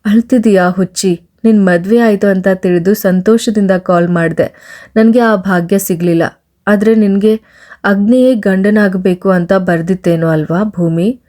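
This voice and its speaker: A man's voice: high-pitched, a little slow, darkish tone. A woman voicing a bitter young man who teases and taunts his former love on a phone call, in a sarcastic way. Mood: teasing. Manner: teasing, sarcastic.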